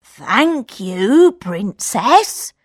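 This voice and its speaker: A woman voicing a wicked old male magician in disguise, speaking in a sly, drawn-out way. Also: a little high, sing-song, dry recording, studio quality, full character voice.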